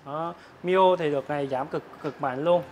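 In a large, open-sided motorbike warehouse with a metal roof, a dealer presents his stock in a hard-sell promotional pitch to viewers, rattling off prices again and again. He speaks at a moderate pace, with slight background noise.

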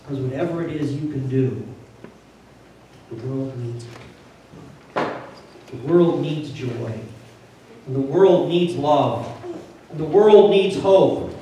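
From the front of a large church, an older pastor preaches plainly and conversationally, rising to urgent emphasis, at a slow pace with long pauses. His voice is medium-pitched and mellow. The handheld mic is heard through a distant camera, leaving the sound very echoey with slight hiss or hum.

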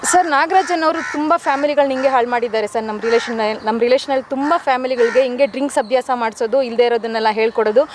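Urgent, fast-talking woman pleading to reporters. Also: on the high side, steady tone, background noise. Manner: urgent, pleading, keeps addressing the reporter as sir. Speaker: widow making a complaint to reporters. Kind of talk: news interview statement.

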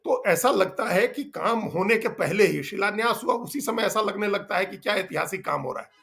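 A man's voice: sits high, animated, brisk, vocal fry, fairly bright tone. A man, a political journalist, explaining the news emphatically in a discussion and repeating phrases for stress.

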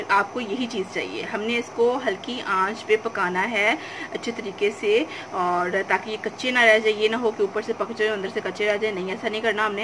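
A woman talks through a home cooking tutorial one step at a time, her voice in a medium register. She pauses often on little fillers as she explains. The recording is noisy, with a clear hiss of home ambience behind her. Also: medium pitch. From Pakistan. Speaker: cooking channel host. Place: home kitchen.

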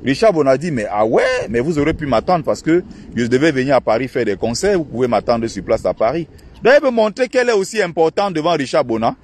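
This very animated male voice has a darkish tone as he speaks into his phone by a lake in a park. The online activist and channel host addresses followers in an outdoor vlog monologue that is indignant, ranting and mocking, jumping quickly in pitch.

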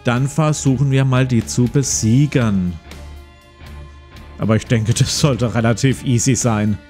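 Unhurried and a little mellow, a man in his forties with a mid-range voice reads a gamebook aloud for a let's play he hosts, offering casual remarks along the way. The background carries plucked guitar music.

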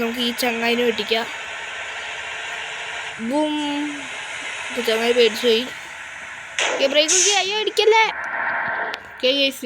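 Woman gamer, slightly high, casual play-by-play over loud game engine noise. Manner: chatty, often cries out at near crashes. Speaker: gaming YouTuber. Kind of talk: casual gameplay commentary. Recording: clear game vehicle noise under voice. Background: bus engine and traffic game sounds.

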